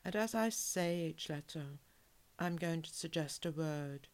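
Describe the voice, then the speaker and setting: Woman, low-voiced hypnosis guide; calm, unhurried delivery with soft breathy endings. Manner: calm, measured, soothing, with drawn-out phrases. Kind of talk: guided relaxation hypnosis, soothing scripted narration.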